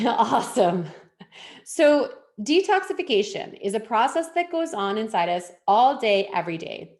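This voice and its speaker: Upbeat, chatty woman presenting live. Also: medium pitch. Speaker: founder presenting her wellness program.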